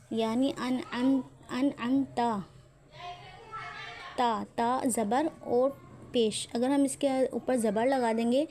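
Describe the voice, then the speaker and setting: A woman's voice: on the high side, warm tone. A woman teaching a religious lesson on Quran recitation, explaining carefully and repeating words to show how they are pronounced.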